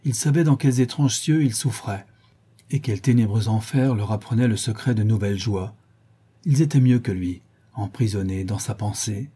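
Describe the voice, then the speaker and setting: A man in scripted audiobook narration, reading a classic novel in a measured way. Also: lowish voice, dark tone, slightly rough.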